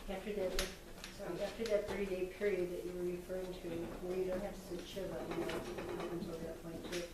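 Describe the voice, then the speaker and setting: A woman in the audience asking a conversational question, haltingly searching for her words. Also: fairly low pitch, flat delivery. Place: reverberant indoor room. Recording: very echoey room, distant mic, noisy.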